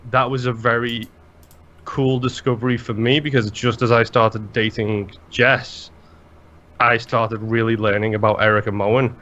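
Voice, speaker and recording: A man co-hosting a podcast in casual chat, rambling and animated, swearing freely. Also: medium pitch, measured pace. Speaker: podcast co-host. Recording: slightly dull lo-fi sound.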